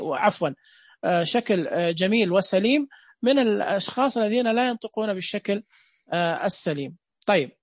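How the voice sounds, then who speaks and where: A man giving a lecture on teaching children to read. He talks loudly and clearly and keeps asking and answering his own questions. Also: very high voice, dry recording. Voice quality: loud and clear. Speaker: teacher trainer.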